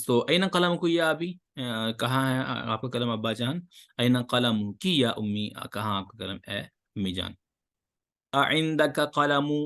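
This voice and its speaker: A man's voice: medium pitch, fairly bright tone. A man teaching an Arabic lesson. He reads each sentence, translates it and praises the student's answers. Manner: reads Arabic lines, then translates and explains.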